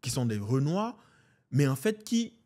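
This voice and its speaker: A man's voice: medium pitch, measured pace. A man in his twenties from Benin with a Beninese French accent, chatting casually as a podcast guest and leaning on "en fait, tu vois". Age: 20s. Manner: animated, slangy, repeats "en fait, tu vois".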